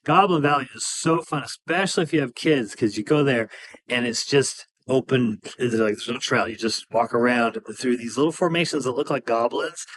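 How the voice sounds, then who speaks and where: A man's voice: medium pitch, normal speed, fairly bright tone, rough recording. Man, chatty and joking, middle-aged travel co-host. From Utah. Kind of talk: casual travel tips to camera.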